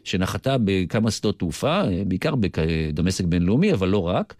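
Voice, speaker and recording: An older man with an Israeli accent, telling his recollections deliberately, with asides, as a guest in a radio interview. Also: low-pitched, big pitch swings, a little mellow, no echo, clean studio sound. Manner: deliberate storyteller who digresses into asides. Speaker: interview guest, retired military intelligence officer.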